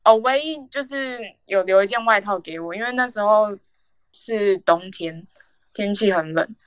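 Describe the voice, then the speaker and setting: A woman's voice: medium pitch, moderate pace, clean tone, dry recording. A young woman, rambling through a casual story on a podcast with many fillers and restarts. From Taiwan. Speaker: podcast co-host.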